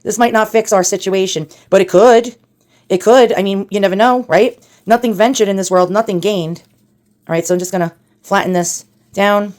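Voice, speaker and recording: Woman, sped-up chipmunk-like voice, casual repair narration, wry, chatty, thinks out loud. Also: medium pitch, moderate pace. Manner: chatty, wry, thinks out loud, addresses viewers as boys and girls. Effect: sped-up playback, chipmunk-like. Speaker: antique collector and hobby restorer.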